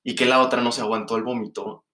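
A man's voice: medium pitch, flat delivery, bright, forceful tone, reverberant, far from the mic. Laughing Mexican man co-host. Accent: Mexican Spanish. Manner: laughing, slangy, quick reactions. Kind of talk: casual storytelling chat.

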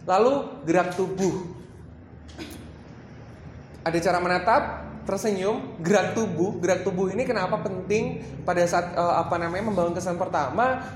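Brief: chatty trainer at mid pitch, workshop talk with English slipped in, roomy echo. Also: normal speed, slight background noise. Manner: chatty, mixes in English phrases, many fillers. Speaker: workshop presenter. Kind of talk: casual training talk to a live group.

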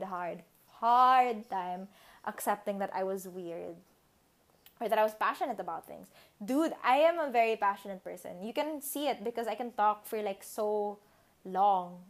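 A young woman in her twenties with a Filipino accent talks to her viewers in a relaxed, chatty way. She drops Tagalog words into her English and swears without a second thought. Her voice sits at an ordinary middle pitch for a woman. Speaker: vlogger. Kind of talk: casual reflective chat.

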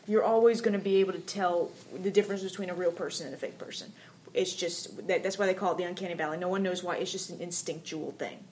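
A woman's voice: mid-range voice, a little mellow. Chatty woman podcaster, faint noise in the background. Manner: chatty, filler-heavy. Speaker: podcast co-host, 3D artist. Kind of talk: casual podcast chat.

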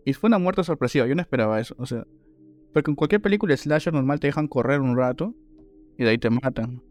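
A man's voice: mid-range voice, quick pace. A man chatting casually about a horror film, rambling with frequent restarts. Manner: relaxed, rambling, hesitant restarts. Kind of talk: casual film review chat.

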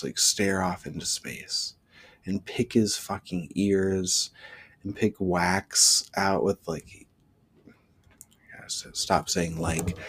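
A deep-voiced man hosting a solo podcast, talking through a personal story in a loose, casual way. He swears freely and leans heavily on filler words as he rambles on. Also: breathy edge. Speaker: podcast host.

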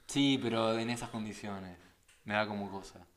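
A man's voice: on the low side, normal speed, crowd noise. A man joking sardonically in a casual conversation. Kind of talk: casual dark-humored chat.

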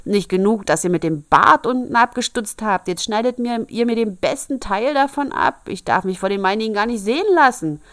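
In a storybook reading, a woman voices a bad-tempered male dwarf who grumbles, screeches and scolds. Her mid-range voice is pushed up yet close to an everyday voice, with lively intonation at normal speed, in clean studio sound with no room sound.

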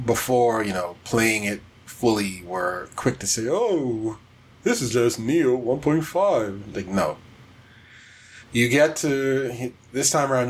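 Another podcast co-host, a man with a medium-pitched voice and a breathy edge, talks about video games in a relaxed, conversational manner.

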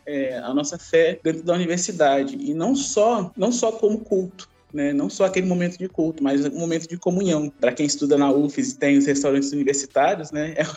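A man's voice: a little high, mellow. A young man chatting casually as a student guest on a podcast. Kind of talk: casual chat.

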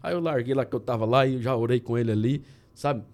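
A man from Brazil, a guest on a podcast, telling a personal story in a casual, animated way and often saying "cara". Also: medium pitch, quick pace. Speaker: podcast guest, candy entrepreneur.

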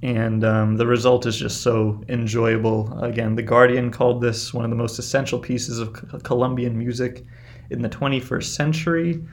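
A man's voice: mid-range voice, little pitch movement, normal speed. A man hosting a music show, talking informally and chattily between songs.

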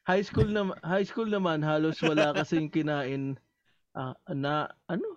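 A man co-hosting a casual podcast, animated, laughing often and swearing casually among friends. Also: on the high side, unhurried, no echo, dull audio. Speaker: podcast co-host. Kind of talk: casual chat.

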